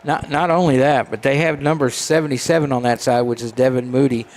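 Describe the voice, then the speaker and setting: A man giving relaxed color commentary at a high school football game. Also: fairly quick. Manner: conversational, relaxed banter.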